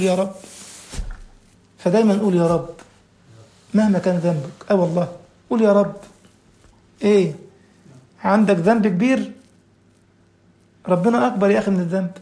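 An Egyptian man preaches a sermon, pressing his listeners with rhetorical questions and slowing down to recite scripture with care. His voice sits high for a man and carries a gravelly edge. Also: dark tone. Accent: Egyptian Arabic. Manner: recites scripture slowly and deliberately.

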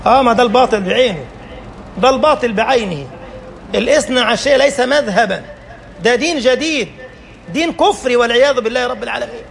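A man with an Egyptian Arabic accent preaches in a very high voice with a rough, gravelly edge. He speaks emphatically and keeps asking his listeners rhetorical questions. Faint background noise runs under his speech. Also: quick pace, fairly bright tone. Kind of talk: colloquial sermon.

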